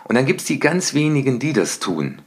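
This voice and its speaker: A middle-aged man hosting a motivational podcast, talking lively and acting out little everyday scenes in changing voices. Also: medium pitch, moderate pace. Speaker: podcast host and coach.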